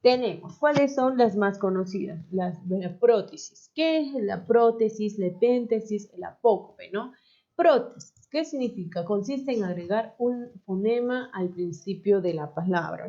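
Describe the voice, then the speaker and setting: In a mellow, mid-range voice, a woman teacher explains a lesson at a moderate pace with animated delivery. She remains patient, asking questions and frequently tagging "¿no?" to check on the class, all on a dull, lo-fi recording.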